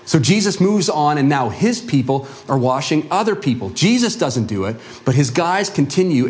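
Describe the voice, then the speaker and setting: A pastor with a mid-range voice preaches a sermon, telling a Bible story with lots of animation. He acts out the voices of the people in the story as he goes.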